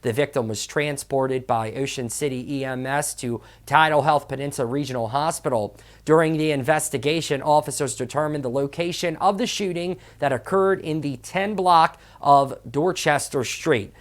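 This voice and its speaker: A woman anchoring a local TV news bulletin in a measured, formal read. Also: sits low. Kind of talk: scripted news reading.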